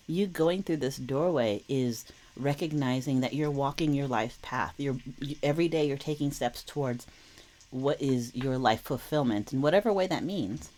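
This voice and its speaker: With an extremely low pitch and a dark tone, this woman reads tarot for viewers of her channel. She's unwell, a bit wheezy and prone to throat clearing, and keeps her explanation casual, reflective and comforting.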